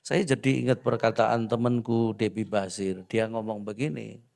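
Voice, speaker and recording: A man's voice: on the low side, normal speed, vocal fry. A male pastor preaching a sermon, telling humorous personal stories and acting out dialogue with the congregation. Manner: animated storytelling, acts out dialogue, jokes with the congregation.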